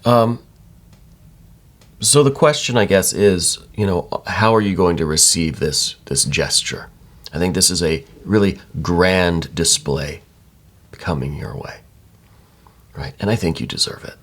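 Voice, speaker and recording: A man's voice: deep voice, lively intonation, measured pace, long pauses. A man giving a conversational, reassuring tarot reading in the manner of a psychic hotline, speaking directly to the listener. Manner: reassuring, addresses listener directly, frequent check-in tags. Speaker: tarot card reader.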